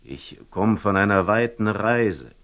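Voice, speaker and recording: An actor playing a wise, calm merchant and eloquent storyteller in a classical radio drama, speaking with rhetorical, deliberate emphasis. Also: male voice, lowish voice, exaggerated voice. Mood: measured, courteous. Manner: rhetorical, deliberate, with emphatic rises and hushed drops.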